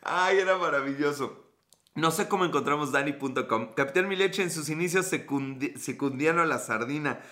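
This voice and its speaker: In his thirties and speaking with a Mexican Spanish accent, this man hosts a laid-back, joking live stream, swearing freely and reading viewer comments aloud. His voice runs on the high side, brisk and bright with a forceful edge.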